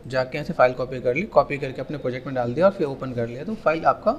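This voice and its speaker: A man giving a casual, repetitive software tutorial, pointing things out step by step. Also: mid-range voice, very fast, highs cut off. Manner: repetitive, keeps saying "here" and "okay". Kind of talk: casual screen-recorded tutorial.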